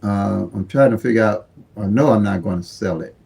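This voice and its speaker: Older guy in his 70s chatting on a livestream, gravelly and kinda husky, lowish voice, rambles and restarts a lot. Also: brisk, dark tone. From St. Louis, USA. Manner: rambling, repeats and restarts words; plain-spoken, folksy. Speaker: lottery livestream host. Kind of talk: casual livestream chat.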